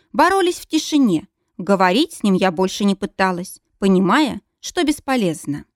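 Expressive woman reading an audiobook. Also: medium pitch, no room sound, studio quality. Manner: expressive, with a tense, dramatic reading. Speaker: audiobook narrator. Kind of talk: first-person audiobook narration.

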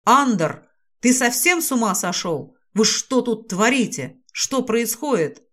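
A woman voicing a commanding but caring young woman in an audiobook, firm and steady. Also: a little high, moderate pace, close to an everyday voice. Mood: indignant. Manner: firm, scolding then soothing. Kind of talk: audiobook character voice.

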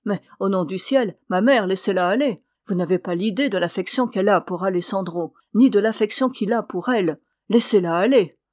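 A woman voicing a torn, impulsive young man who speaks in a louder, urgent, pleading way, in a dry recording. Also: mid-range voice, moderate pace, hardly any pauses, no room sound, close to an everyday voice.

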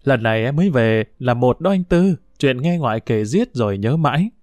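Man doing a gentle aunt, soft coaxing, storybook voice, mid pitch. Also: animated, moderate pace, no echo, lightly acted. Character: gentle, cheerful aunt comforting a child.

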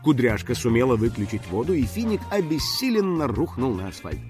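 A man narrating a children's story in a lively, expressive way. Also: mid-range voice, brisk, soft background music.

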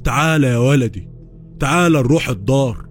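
A man's voice: mid-range voice, animated, a little fast, faint music behind, natural voice. A man voicing a weak, tremulous grandfather in his seventies with an Upper Egyptian accent, pleading and full of remorse in an audio horror story. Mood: grieving. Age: 70s. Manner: emotional, pleading. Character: frail old grandfather, tearful and remorseful.

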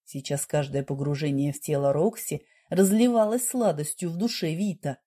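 A woman narrating an audiobook romance in a slow, measured reading. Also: deep voice, mellow. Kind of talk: scripted narration.

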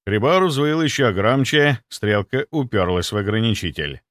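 Lively male audiobook narrator, dry sound. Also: lowish voice, normal speed, dry recording. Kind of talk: first-person audiobook narration.

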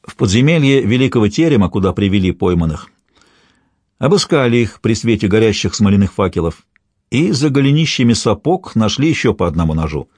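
A man narrating a historical novel in steady scripted storytelling. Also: on the low side, brisk, breathy edge, no echo, clean studio sound. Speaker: audiobook narrator.

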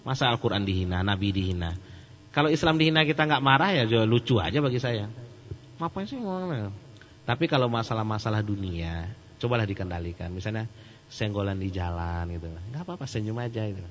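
A man giving a casual question-and-answer sermon, joking and animated. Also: fairly low pitch, fast talker, big-room sound. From Sumatra. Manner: joking and animated, laughs at his own jokes. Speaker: Islamic preacher. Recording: muffled lo-fi recording with faint hum.

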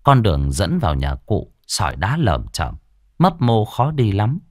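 A man narrating an audiobook story in an expressive, colloquial way. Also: fairly low pitch, a little slow, dry recording, clean studio sound.

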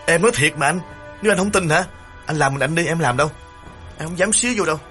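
A man's voice: on the low side, brisk, a bit bright, faint music behind, lightly acted. A man doing a terrified young thief, pleading. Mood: frightened pleading. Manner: pleading, breathless, repetitive. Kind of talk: audiobook character voicing.

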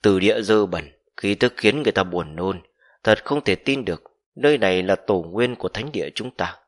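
A man's voice: on the low side, animated, moderate pace. A man voicing a scornful, icy young male cultivator from a fantasy audiobook. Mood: disdainful. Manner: contemptuous, icy. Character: arrogant cold young male winged cultivator.

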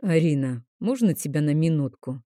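A calm male dragon in human guise, as a woman reader lowers her voice for him, sounding soothing and a little dismissive. His tone is deep and mellow, and the recording is dry and close. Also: moderate pace, dry recording. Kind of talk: audiobook character reading.

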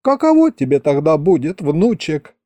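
A folksy old village grandfather who rambles and teases in quaint rustic speech, played by a man reading an audiobook. The voice sits high and leaps about a lot. Each line is drawn out slow over a mellow tone. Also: big pitch swings, dry recording. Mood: fussy, rambling.

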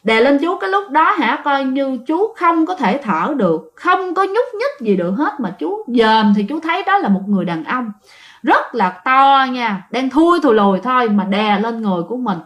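A woman narrates a ghost story as casual talk. Her voice sits high, and she keeps turning to her listeners as she goes. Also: very animated, moderate pace. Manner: chatty, addresses listeners directly.

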